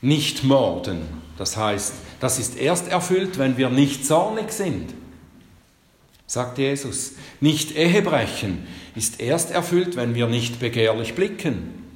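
A man preaching a sermon, slow and emphatic, leaning hard on the quoted scripture. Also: medium pitch, big pitch swings. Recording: echoey hall, long reverb.

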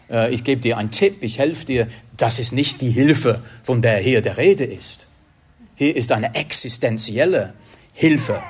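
Earnest and slow, this male preacher delivers his sermon in a husky mid-range voice, occasionally pausing to hunt for words.

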